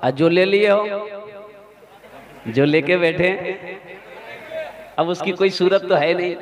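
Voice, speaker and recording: A man's voice: sits high, slow pace. A man with a West Bengal accent preaching a sermon at a night gathering, telling stories with dialogue and urging the crowd on. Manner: storytelling with dialogue, exhorting the crowd. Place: outdoor gathering with a large crowd. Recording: crowd heard behind the voice.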